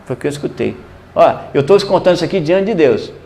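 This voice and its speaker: A man preaching a sermon, telling a personal story and swinging between hushed and emphatic delivery. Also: on the high side, animated, fast talker, a little hiss or hum. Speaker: pastor.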